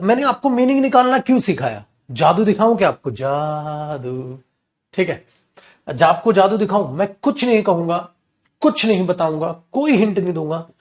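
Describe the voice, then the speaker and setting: Indian male teacher, higher-pitched voice, talkative and playfully teasing with the class. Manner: chatty and teasing, calls students beta. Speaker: English teacher. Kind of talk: live online class in Hindi.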